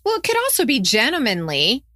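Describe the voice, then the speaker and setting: A woman's voice: a little high, huge pitch swings, fairly quick, bright, forceful tone, no echo, studio quality. A woman co-hosting a podcast, chatting casually and enthusiastically about a student's story, with hesitant starts. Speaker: podcast co-host.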